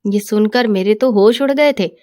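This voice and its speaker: A woman's voice: medium pitch, normal speed, mellow. Woman narrating a first-person story.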